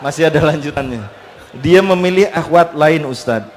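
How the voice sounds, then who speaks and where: A man's voice: on the high side, normal speed. Polite man reading a question, faint noise. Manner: polite, reads the question with little hesitations. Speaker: question reader.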